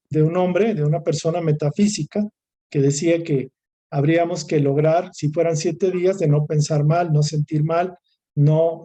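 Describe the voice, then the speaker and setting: A man's voice: on the high side, mellow. A man with a Mexican Spanish accent giving a recorded course lecture, talking in a discursive way that repeats, lists and restarts phrases. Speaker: course instructor.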